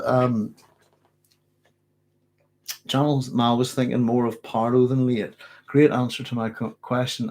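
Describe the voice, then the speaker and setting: A man with a mid-range, somewhat dark voice hosts a late-night live sci-fi Q&A on his science fiction channel. He rambles through viewers' questions in a loose, conversational way, often correcting himself.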